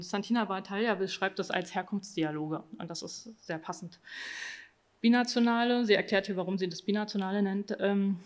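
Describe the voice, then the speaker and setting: A woman presenting her own research in an academic talk, reading from slides and often pausing on filler sounds. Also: medium pitch. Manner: hesitant, frequent filler sounds between phrases.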